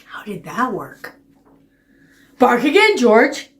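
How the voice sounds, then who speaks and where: A woman's voice: on the high side, big pitch swings. A woman hosting a library storytime, reading a picture book aloud as if to a toddler, with simple, exaggerated, playful delivery. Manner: drawn-out, playful animal noises and repeated words. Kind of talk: lively read-aloud storytelling for small children.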